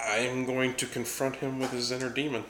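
A man playing in a tabletop game, describing his moves in a playful, unhurried way. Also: mid-range voice, flat delivery. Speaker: player. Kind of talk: tabletop role-play. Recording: echoey room with faint noise.

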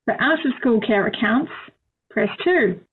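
A woman's voice: fairly high pitch, lively intonation. New woman reading a phone menu. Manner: slow, clear, formal announcing. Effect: heard over the phone. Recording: tinny phone line.

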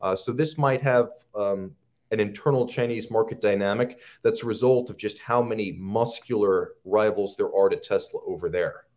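A man's voice: on the low side, normal speed, a little mellow. A man hosting a podcast in a conversational presenting style, with a wry manner and jokey asides. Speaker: podcast host.

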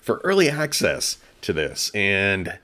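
A man with a very low, deep voice chats casually as a co-host of a tech podcast. He talks things through in an easygoing way and lets out small chuckles between points. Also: wildly swooping pitch, takes it slowly, bright, forceful tone. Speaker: co-host of a home theater tech show.

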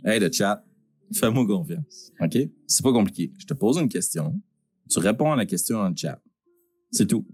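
Casting: male Québécois giveaway host, booming prize announcer, joking and casual, swooping intonation over background music. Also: big pitch swings, normal speed, darkish tone, breathy edge, no echo. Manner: informal, joking, swearing. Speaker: host of a live-streamed prize draw. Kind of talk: animated live giveaway hosting.

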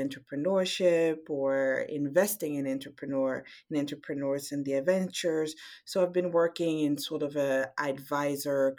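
A woman who grew up in Cameroon, a guest on a podcast, explaining things in a measured way. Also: sits low, a little mellow. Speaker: podcast guest, startup advisor. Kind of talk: casual podcast interview.

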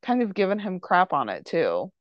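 Woman cohost, lowish voice that swings a lot, casual and chatty, dry sound. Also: moderate pace, no room sound, highs cut off. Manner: animated, conversational, uses fillers. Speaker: podcast co-host. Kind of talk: casual chat about a TV show.

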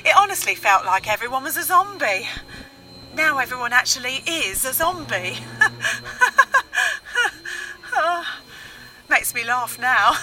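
A woman's voice: high voice, sharp tone, low-quality recording. A woman playing a giggly survivor in her thirties. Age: 30s. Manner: chatty, giggly, rambling. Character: chatty lonely female survivor, 30s.

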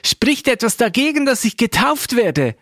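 Man voicing eager Ethiopian official in a scripture reading, pitched well up, earnest, dry close sound. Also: big pitch swings, measured pace, dry recording, full character voice. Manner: earnest questioning.

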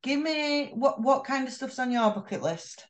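An excitable, chatty woman in her thirties with a Yorkshire accent, hosting a podcast. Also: sits high, normal speed. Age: 30s. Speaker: podcast host. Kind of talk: casual chat.

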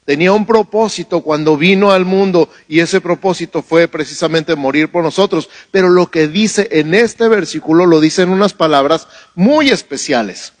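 A male pastor delivers a sermon in a lively, conversational way, often asking his listeners questions. His voice sits a little higher than most men's, and the sound is dry and close. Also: normal speed, hardly any pauses, no echo. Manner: conversational, asks the congregation questions.

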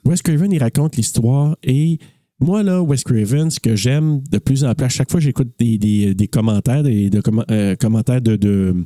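A man's voice: mid-range voice, normal speed, mellow, no echo, clean studio sound. A man with a Quebec French accent co-hosting a casual film podcast, rambling with many fillers and restarts. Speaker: podcast co-host.

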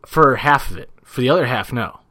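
A man's voice: mid-range voice, lively intonation, fairly quick, bright, forceful tone, dry recording, clean studio sound. A man co-hosting a podcast in casual chat, loose and profane, laughing easily. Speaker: podcast co-host.

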